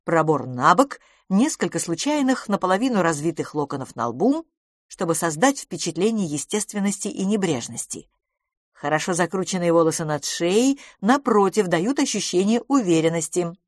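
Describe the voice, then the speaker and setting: A woman voicing a confident, practical female stylist who talks in a brisk, matter-of-fact, decisive way. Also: lowish voice, expressive, dry recording, studio quality.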